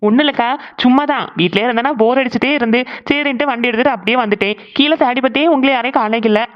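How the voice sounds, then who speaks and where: A woman, voicing a cartoon character in quick, casual talk. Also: a little high. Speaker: cartoon voice artist. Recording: dull lo-fi recording.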